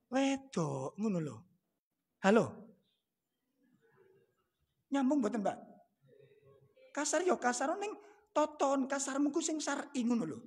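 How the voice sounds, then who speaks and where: A male preacher delivers a lively, joking sermon and drops quips along the way. His voice is slightly husky and breathy. A long reverb trails after every phrase, as in a large hall. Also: very high-pitched. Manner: animated, teasing, mixes in Javanese asides and quips. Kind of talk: humorous sermon to a congregation.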